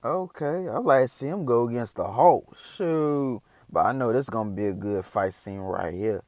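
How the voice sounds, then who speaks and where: A man's voice: medium pitch, lively intonation, normal speed, darkish tone, dry recording. A man chatting casually as a reaction host, slangy and rambling.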